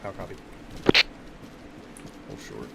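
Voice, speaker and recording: A man giving clipped orders in military radio procedure as the commander in a military simulation game. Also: takes it slowly. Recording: very noisy, clicks and vehicle rumble.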